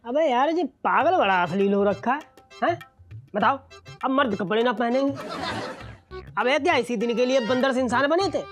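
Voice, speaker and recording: An actor playing a brash, indignant friend who rants in a comedy TV serial. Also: male voice, extremely high pitch, animated, moderate pace, pauses often, fairly bright tone, soft background music. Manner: brash and ranting. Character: loud, indignant loyal friend.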